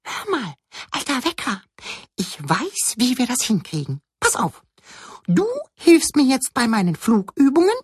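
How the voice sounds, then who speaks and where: A woman's voice: very high-pitched, dry recording, studio quality, heavily acted. A woman playing an eager young cuckoo. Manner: chirpy, quick to cheer others up. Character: eager young male cuckoo learning to fly. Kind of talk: audiobook character voice.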